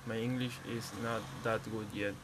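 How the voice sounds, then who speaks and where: A man's voice: fairly low pitch, little pitch movement, normal speed. A man from Argentina, a native Spanish speaker with an Argentine accent, leaving a simple voice message in English as a second language. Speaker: podcast listener leaving a voicemail. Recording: voice message with background noise.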